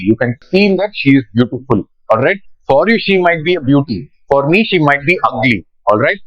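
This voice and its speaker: A man's voice: medium pitch, no echo, lo-fi sound. A young man with an Indian English accent teaching a grammar class, talking conversationally and asking questions that he answers himself. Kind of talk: classroom lecture.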